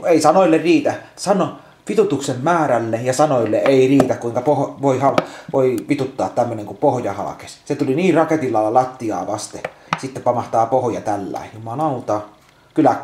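A man rants into the camera at home, swearing and circling back over the same words as he stumbles along. His voice sits at an ordinary middle pitch, and the room around him rings with a clear echo. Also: a little mellow. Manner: swears constantly, repeats himself, restarts words. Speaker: vlogger. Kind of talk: angry rambling vlog rant. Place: at home indoors.

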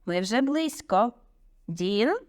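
A woman voicing a calm, kindly male wizard teacher in an audiobook, encouraging and unhurried. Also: sits low. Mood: urging. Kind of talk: audiobook character voice.

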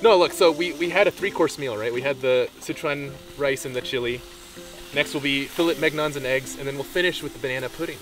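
A man's voice: medium pitch, a little fast, a bit bright, soft background music. A young man joking playfully with friends at an outdoor campsite. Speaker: camper. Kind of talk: casual chat.

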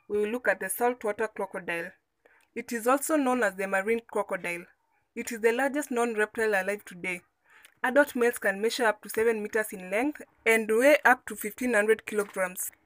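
A woman's voice: medium pitch, a bit bright, no echo. A woman reading scripted nature documentary narration as a video voice-over.

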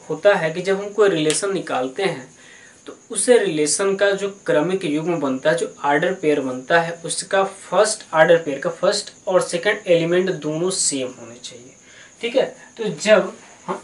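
A man teaching a math lesson in a patient, explanatory way, calling his students "beta" and mixing English terms into his talk. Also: sits high. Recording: echoey room.

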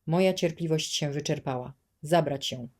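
Loud threatening official guy bellowing at kids, audiobook, a woman reads him. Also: deep voice, normal speed. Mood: menacing. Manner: shouting, menacing threats. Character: cruel bullying male town administrator.

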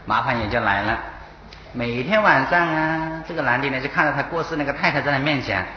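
This man's medium-pitched voice moves a little fast as he, a Buddhist monk with a Taiwanese Mandarin accent, delivers a dharma talk full of parables, chuckling along the way. Captured in a temple lecture hall, the audio is echoey and lo-fi, dull with a faint hiss.

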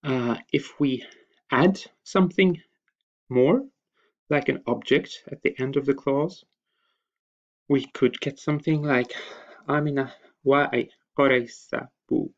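A man lecturing over slides at a slow, deliberate pace, pausing often and filling gaps with hesitant sounds. His voice carries a gravelly edge, and the recording sounds muffled and lo-fi. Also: mid-range voice. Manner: hesitant, many filler pauses. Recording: dull lo-fi voice recording.

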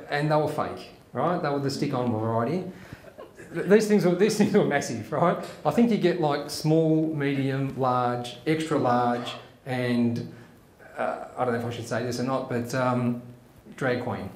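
A man hosts a small comedy show and tells jokes casually, rambling with plenty of fillers. His voice sits a little high. The sound is echoey, as if from a bare room. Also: slight background noise. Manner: chatty, rambling, many fillers. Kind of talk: casual stand-up joke telling.

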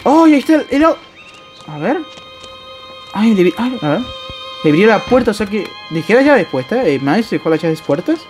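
A man with an Argentine accent and a high voice talks through a horror game as he plays it. He is jumpy and excitable, breaking into yelps, laughs and casual swearing. Faint game music runs underneath. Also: normal speed, pauses often. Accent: Argentine Spanish. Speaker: gameplay streamer. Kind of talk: live horror game commentary.

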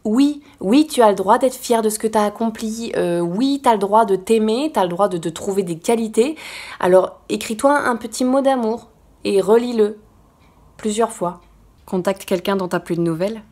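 A woman's voice: medium pitch, normal speed, warm tone. A woman vlogger giving casual, encouraging advice straight to the viewer, chatty with frequent fillers. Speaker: lifestyle vlogger.

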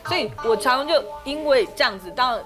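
Fast-talking woman guest. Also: high-pitched, animated. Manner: rapid storytelling with many restarts. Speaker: talk show guest. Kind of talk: casual studio chat. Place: TV studio. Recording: TV studio with background music.

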